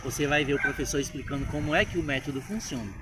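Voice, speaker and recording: A Brazilian man telling a story to his viewers in a casual vlog, animated and chatty, often checking in with them. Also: fairly high pitch, quick pace. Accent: Brazilian Portuguese. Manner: animated, addresses viewers directly with frequent tag questions. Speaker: English-learning vlogger.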